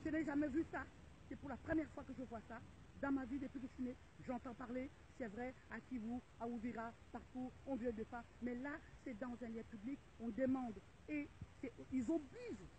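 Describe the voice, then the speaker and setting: A woman's voice: sits high, brisk, dark tone. A middle-aged woman making an indignant, rallying video appeal to viewers, repeating her calls again and again. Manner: indignant, repetitive, rallying cries. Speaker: vlogger addressing viewers. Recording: tinny phone-like audio with faint noise.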